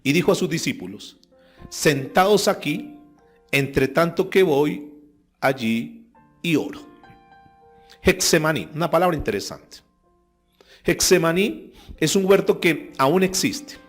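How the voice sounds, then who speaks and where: A man preaching a sermon as pastor, moving between quiet reflection and loud emphatic passages. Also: on the high side, animated, slow pace, long pauses, faint music behind.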